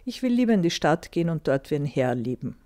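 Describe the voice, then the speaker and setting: A woman reading a fairy tale aloud and voicing the eldest son, a greedy, fearful young man who talks quickly for his own gain. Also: on the low side, animated, dark tone, close to an everyday voice. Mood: eager.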